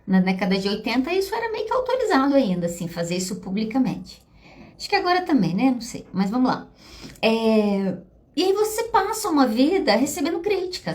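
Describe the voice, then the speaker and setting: Lively, chatty Brazilian woman. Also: on the high side. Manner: chatty, confiding, addresses listeners as "gente". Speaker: psychologist and podcast host. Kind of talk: casual personal talk to listeners.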